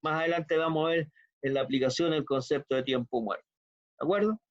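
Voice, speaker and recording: A man's voice: on the high side, fairly even intonation, a little fast. A man with a Chilean accent giving a university engineering lecture, explaining step by step, working through numbers aloud and often checking that students follow. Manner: explanatory, works sums aloud, frequent check-ins. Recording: dull lo-fi online class audio.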